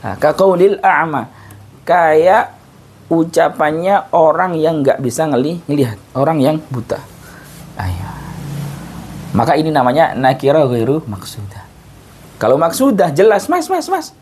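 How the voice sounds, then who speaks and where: A man's voice: a little high, lively intonation, unhurried, long pauses, a little mellow, husky. Man patiently explaining a grammar lesson. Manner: patient, repetitive explaining, often breaks off mid-word and restarts; casual classroom talk with tags like "ayo" and "gitu". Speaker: Arabic grammar teacher. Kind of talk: informal recorded grammar lesson.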